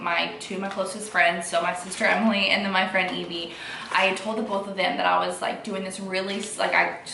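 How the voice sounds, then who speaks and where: A young mother vlogs from her house, rambling casually to the camera in a low, creaky voice that sounds pushed and bright, with a touch of congestion. The echoey room and distant mic leave a faint layer of noise.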